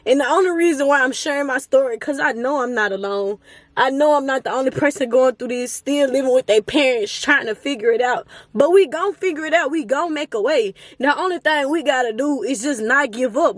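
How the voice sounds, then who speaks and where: A woman's voice: high-pitched, brisk, no room sound. A woman, talking earnestly and emotionally to her viewers in a casual motivational vlog. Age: 20s. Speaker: vlogger. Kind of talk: casual motivational talk to camera.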